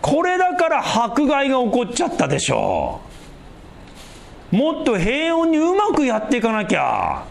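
A man's voice: very high-pitched, huge pitch swings, moderate pace, vocal fry, pitched above the performer's own voice, full character voice. A man voicing a worldly man who nags a martyr for stirring up trouble, in a sermon. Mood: exasperated. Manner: nagging, exasperated.

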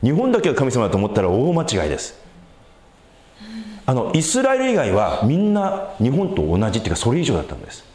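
A man preaching a sermon as a pastor, in an animated, conversational way with big swings in pitch. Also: quick pace, roomy sound.

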